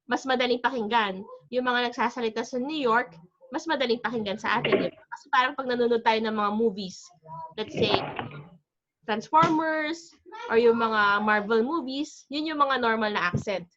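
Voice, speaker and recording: A woman's voice: a little high, background noise. Filipino woman teaching an online class. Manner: chatty, mixes Tagalog and English, asks "di ba?". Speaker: IELTS teacher. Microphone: video call. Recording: lo-fi video call audio.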